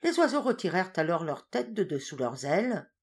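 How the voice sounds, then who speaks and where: Lively, expressive woman storyteller. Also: fairly low pitch, fairly quick, husky. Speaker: audiobook reader. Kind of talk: storybook narration.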